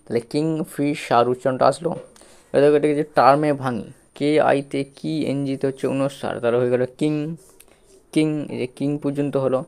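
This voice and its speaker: Man, spelling teacher, smooth clear voice, patient and repetitive. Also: medium pitch, fairly even intonation, brisk, darkish tone. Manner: breaks words into letters, repeats, checks understanding. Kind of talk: slow spelling lesson.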